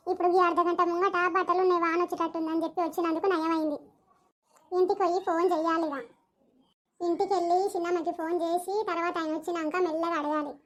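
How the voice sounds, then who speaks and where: A woman with a Telangana Telugu accent talking to herself in a brisk, chatty village comedy monologue. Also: extremely high pitch. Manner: brisk, chatty self-talk. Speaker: sketch creator and performer.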